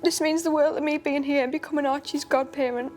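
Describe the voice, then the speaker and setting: A woman's voice: high-pitched, steady tone, fast, darkish tone, faint music behind. A young woman, reading an earnest, emotional speech to her family. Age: young adult.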